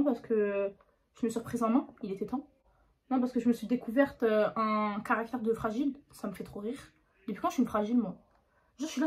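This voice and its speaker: Husky chatty young woman. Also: on the high side. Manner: chatty, dramatic, sarcastic, laughing often. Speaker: beauty vlogger. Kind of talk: casual chat while doing makeup. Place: at home.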